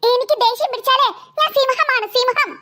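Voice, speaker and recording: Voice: extremely high pitch, fairly even intonation, moderate pace, pushed and bright. A voice actor playing a cheeky, quarrelsome schoolboy in a cartoon, speaking with a Malabar Malayalam accent. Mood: boastful. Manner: teasing, bragging, mock-threatening. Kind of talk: animated cartoon voice acting.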